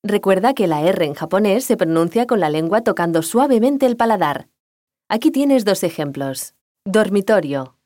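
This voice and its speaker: A woman giving a scripted language lesson, explaining pronunciation clearly and calmly. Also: medium pitch, moderate pace, no echo, studio quality. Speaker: language teacher.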